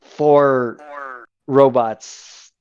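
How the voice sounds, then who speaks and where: A man's voice: mid-range voice, steady tone, very slow, smooth, highs cut off. A man narrating as game master of a tabletop game, describing scenes with fillers and self-corrections.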